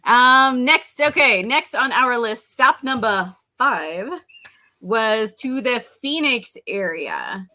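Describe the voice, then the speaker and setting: Bright, chatty American woman co-hosting. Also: fairly high pitch, very animated, slow pace. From United States. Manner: chatty, laughs often, reads live chat aloud. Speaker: livestream co-host. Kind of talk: casual chat.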